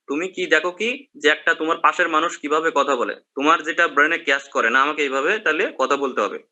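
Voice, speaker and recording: A male teacher with a very bright, forceful tone, speaking a little above the usual male pitch. He lectures by asking his class questions and waiting for them to agree. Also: lo-fi sound. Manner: explains in questions, checks with students.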